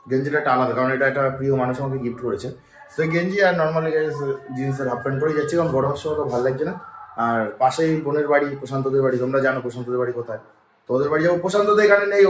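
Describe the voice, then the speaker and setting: Hoarse, fast-talking young man vlogging. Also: on the high side, slight background noise. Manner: chatty, keeps talking straight to viewers. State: hoarse from a cold. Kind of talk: casual daily vlog. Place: at home, indoors.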